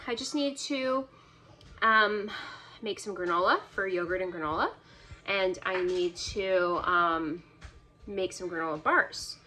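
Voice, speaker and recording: Kitchen clicks and clear background noise surround a woman's bright, forceful, medium-pitched voice. A home cooking vlogger in her thirties, she narrates offhandedly and rambles while cooking in her kitchen, filming on a phone.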